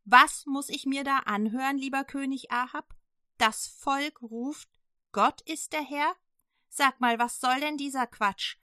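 A woman voicing an enraged, domineering queen who speaks in scornful, shrill outbursts. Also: measured pace, sharp tone, no echo, studio quality. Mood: furious scornful.

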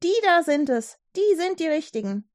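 A woman voicing a loud, boastful king in a children's storybook reading, calling out in delight. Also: big pitch swings, moderate pace. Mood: exultant. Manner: booming, exclaiming.

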